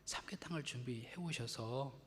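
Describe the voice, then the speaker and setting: A man's voice: medium pitch, moderate pace, in a large hall. A man preaching a Sunday sermon, conversational, acting out little quotes and asking the congregation questions. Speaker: pastor. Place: church sanctuary.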